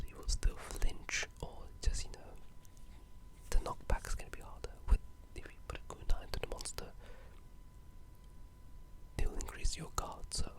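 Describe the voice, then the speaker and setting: Over a rough recording, a fairly bright, breathy, unvoiced whisper wanders through an easygoing ASMR discussion of video games. The talker has the manner of an avid gamer.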